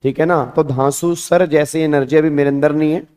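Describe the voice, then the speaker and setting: A male teacher with a hoarse throat, chatting through an online class. His voice sits a little high, and he keeps things calm and easygoing, with plenty of friendly asides. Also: brisk. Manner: chatty, colloquial, speaks calmly. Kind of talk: casual online lecture.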